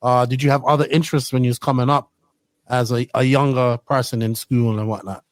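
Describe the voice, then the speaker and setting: A man's voice: mid-range voice, fairly even intonation, brisk, dry recording. A man hosting a casual podcast, firing off chatty follow-up questions. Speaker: podcast host.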